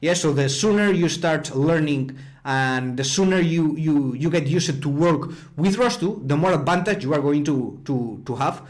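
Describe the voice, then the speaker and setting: A man's voice: a little high, normal speed. A man from Spain with a Spanish accent, teaching a live online programming class in a chatty way, often repeating words and answering viewers' chat. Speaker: online robotics instructor. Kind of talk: live-streamed coding class.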